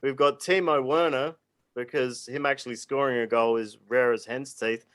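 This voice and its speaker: A man's voice: medium pitch, fairly even intonation, moderate pace, a bit bright, smooth, dry recording. A man hosting a podcast, introducing segments in an upbeat, announcer-like way. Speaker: podcast host.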